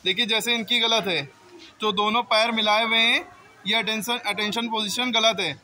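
A man's voice: sits high, fairly even intonation, normal speed, bright, forceful tone, rough recording. A male school teacher explaining drill positions to students step by step, often checking if they understand. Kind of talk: classroom drill instruction.

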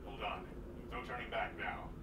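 A man's voice: lowish voice, fairly even intonation, normal speed, crowd noise, lightly acted. A man voicing a ship crew officer in a game, giving clipped orders. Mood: urgent. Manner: clipped, commanding. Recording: roomy with loud game ambience.

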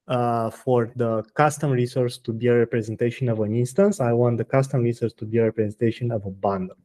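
A man speaks as a guest in a technical interview. He halts and restarts often while he searches for words. His pitch is in the middle for a man. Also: darkish tone. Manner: hesitant, many restarts and fillers, blunt answers. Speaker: guest software maintainer.

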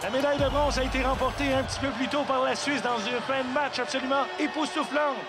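A man's voice: very high-pitched, fairly even intonation, fast. A man with a Quebec French accent calling live ice hockey play by play in short, exclamatory bursts. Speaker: play-by-play sports commentator. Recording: loud music and roaring arena crowd. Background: music and arena crowd.

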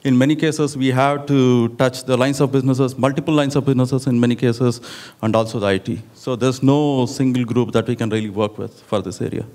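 A middle-aged man on a conference hall stage, talking into a handheld mic. He explains things steadily and fills his pauses with "you know". His voice sits at an ordinary middle pitch. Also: fairly even intonation, mellow. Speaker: panelist. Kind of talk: conference panel discussion. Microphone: handheld microphone.

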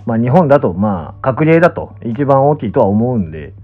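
A man's voice: medium pitch, very animated, brisk, faint music behind. A young man with a Kansai accent chatting casually on a livestream, musing hesitantly and trailing off. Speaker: pro gamer and streamer. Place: small indoor room, lying down. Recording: muffled, thin phone-like audio.

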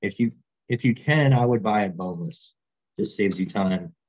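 A man's voice: fairly low pitch, normal speed, dull audio. A man working as a chef, giving a casual cooking demonstration and explaining as he goes. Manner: relaxed, explains as he works, chatty asides.

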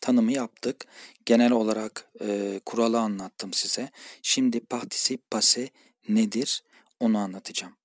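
A low, husky male voice, giving a patient grammar lesson. He walks through each example slowly and repeats key words. The sound is dry and close, with no room echo. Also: fairly even intonation. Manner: explains step by step, addresses viewers as friends, repeats words slowly. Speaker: French teacher. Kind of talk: screen-recorded grammar lesson.

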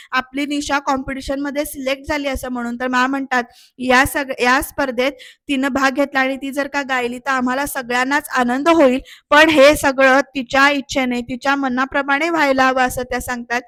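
A woman's voice: high voice, fairly bright tone, dry recording. A woman with a Marathi accent, chatting to viewers in a voice-over recap of a TV serial, retelling the characters' lines. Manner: chatty, addresses viewers directly, retells dialogue with light acting. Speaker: serial episode reviewer.

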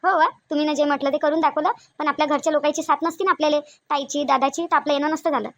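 A woman voices a shy, naive young newlywed wife in a cartoon, fretting and exclaiming in colloquial Varhadi Marathi with a Vidarbha accent. Her high-pitched voice is steady and fast, and the mood is happy.

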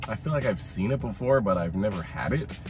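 A man casually reviewing fast food in a chatty, slangy, animated way, likely from a parked car. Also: lowish voice, faint music behind.

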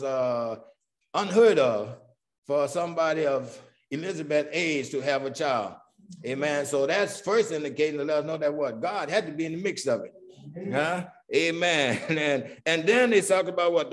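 A man leading a Sunday school Bible lesson, who keeps asking "what?" and answering himself, and says "amen" after nearly every point. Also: a little high. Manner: chuckles now and then between points. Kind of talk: Bible study teaching.

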